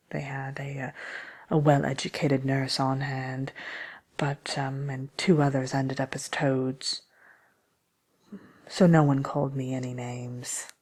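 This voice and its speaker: A woman voicing the smug, envious Wicked Witch in a soft ASMR roleplay, talking slyly and haughtily with hesitant pauses. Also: a bass voice. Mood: dryly menacing. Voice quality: breathy, creaky, often near whispering. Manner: sly, haughty, hesitant with many drawn-out pauses. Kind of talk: ASMR roleplay, soft-spoken chatty answers to listener questions.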